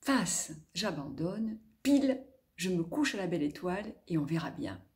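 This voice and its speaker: A woman's voice: lowish voice, big pitch swings, moderate pace, darkish tone, a little hiss or hum, pitched below the performer's own voice. A woman voicing a dreamy adventurous male journalist explorer, sighing and musing aloud in a storybook tale.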